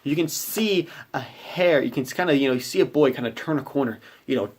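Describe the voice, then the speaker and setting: A man, a game master, recounts a tabletop session in a loose, rambling way, full of "like" and "you know". His voice is mid-pitched and ordinary. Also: brisk, darkish tone, breathy edge.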